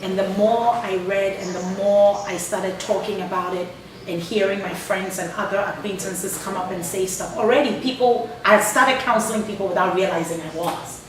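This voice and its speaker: A woman's voice: medium pitch, steady tone, normal speed, a crowd in the background. Woman, earnest, echoey and distant. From Ghana. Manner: earnest and emphatic, with light humor. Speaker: charity founder and cancer survivor. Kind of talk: live radio interview. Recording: echoey room, distant mic, background noise.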